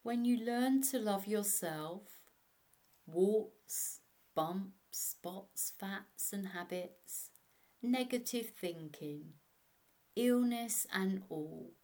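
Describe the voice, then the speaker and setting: A woman narrating a guided meditation as an instructor, in a measured way. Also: medium pitch, darkish tone. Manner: slow, measured, instructional delivery.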